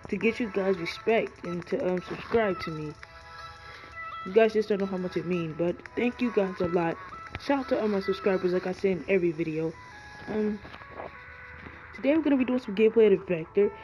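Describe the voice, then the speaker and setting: A gaming YouTuber with a high-pitched voice talks a little fast, giving earnest, rambling gameplay commentary. He's in a cold garage, shivering and full of ums and likes. The lo-fi audio sounds dull, with loud music behind him.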